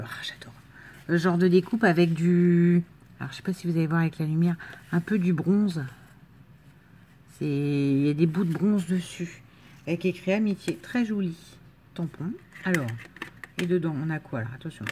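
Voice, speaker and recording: A woman from the Marne with a slight northern French accent, chatting casually and enthusiastically as she unboxes crafts, with frequent fillers and laughs. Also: lowish voice. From Marne, France. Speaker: crafting vlogger.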